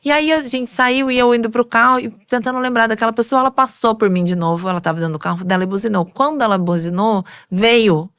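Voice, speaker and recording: Woman, makeup artist, animated interview storyteller, dry close sound. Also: fairly high pitch, fast, hardly any pauses, smooth, no echo. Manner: animated storytelling, acting out quoted voices.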